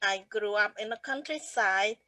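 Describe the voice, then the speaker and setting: A woman's voice: mid-range voice, moderate pace, pushed and bright, no echo, rough recording. A woman from Cambodia, a co-host introducing herself in a casual talk show, speaking earnestly with fillers and restarts.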